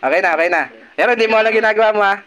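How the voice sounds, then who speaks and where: A man leads a folk healing ritual. He barks stern orders and repeated demands, then drops to low, confiding asides. Faint noise hangs under the recording. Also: very fast. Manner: stern and commanding, scolding with repeated "ha?"; loud, forceful voice that drops to quiet asides. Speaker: folk healer. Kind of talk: spontaneous healing ritual, addressing a patient and viewers.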